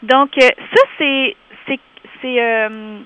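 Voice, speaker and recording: A woman with a Québécois French accent calling in to a radio show for a community group, talking in a lively way with many hesitations. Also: high voice, takes it slowly, clean tone, no room sound. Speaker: community organization representative. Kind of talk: casual radio interview by phone. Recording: tinny phone line.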